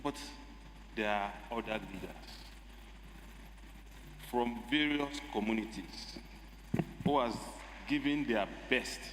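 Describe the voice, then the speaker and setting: Nigerian guy making a formal speech in parliament, measured and emphatic, echoey hall. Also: medium pitch, fairly bright tone. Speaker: state lawmaker. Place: legislative chamber. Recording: echoey assembly hall with faint noise.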